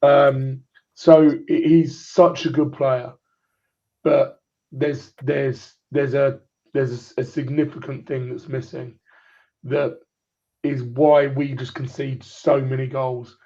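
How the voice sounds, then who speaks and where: A man's voice: mid-range voice, flat delivery, slow, mellow. A man in his forties on a clipped phone line, chatting about football in a rambling way and restarting his points over and over. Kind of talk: casual football chat.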